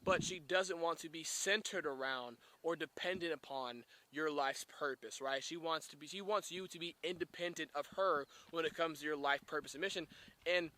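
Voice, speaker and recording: A young man talks to camera about relationships in a casual, emphatic way, peppering every thought with "man" and "right?". His voice sits a little high and sounds bright and forceful. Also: normal speed, dry recording. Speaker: dating advice vlogger. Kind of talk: casual direct-to-camera advice talk.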